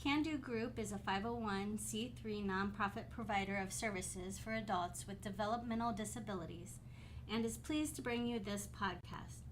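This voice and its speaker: A woman's voice: mid-range voice, normal speed, a little hiss or hum. A woman co-hosting a podcast, reading the show's introduction and joining in the chat. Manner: reads intros, laughs easily. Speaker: podcast co-host. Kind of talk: scripted introduction and casual chat.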